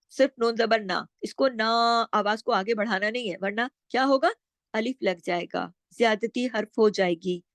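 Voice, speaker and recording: A woman teaching Quran recitation rules, explaining step by step, asking and answering her own questions, and drawing out words slowly when she recites. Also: a little high, no echo. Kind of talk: tajweed lesson with slow recitation.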